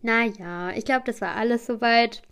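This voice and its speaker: A woman's voice: fairly high pitch, moderate pace, a bit bright, clear, resonant tone. A woman hosting a podcast, telling a story in a rambling, chatty way with many fillers. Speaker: podcast host.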